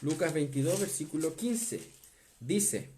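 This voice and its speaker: A man preaching a Bible teaching sermon, stressing key words, slowing down on them and often asking his listeners whether they follow. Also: a little high, expressive, dark tone, slight background noise. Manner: asks the listeners to confirm often.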